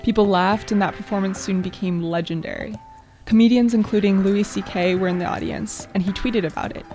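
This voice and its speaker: A woman's voice: mid-range voice, steady tone, mellow. Woman narrating over a music bed. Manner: measured storytelling cadence. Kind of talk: scripted narration.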